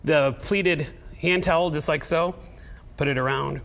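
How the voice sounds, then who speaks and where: A middle-aged man guests on live TV at a studio demonstration table, chatting and joking as he walks viewers step by step through folding towels he's selling. His fairly high voice is creaky and a bit bright, with fairly even intonation and a slightly slow pace, plus a little hiss or hum.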